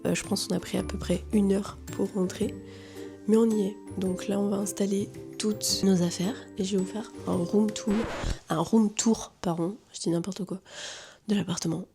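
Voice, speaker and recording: A young woman talking to her phone camera in a casual vlog, chatty and excitable, laughing often. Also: medium pitch, normal speed, vocal fry. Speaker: vlogger. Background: background music.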